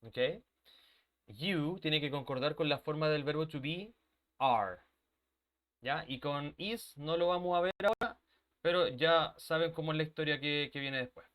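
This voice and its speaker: A man's voice: on the high side, unhurried, a bit bright. A man teaching an online English grammar class, explaining step by step and checking in often with his students, sometimes drifting away from the mic as he moves to the board.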